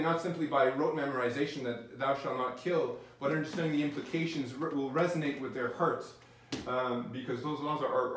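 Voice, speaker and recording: A middle-aged physician giving a faith-based lecture, speaking earnestly and haltingly, with many restarts. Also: male voice, medium pitch. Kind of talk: faith-based academic talk. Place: lecture room. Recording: very echoey room, distant mic, faint noise.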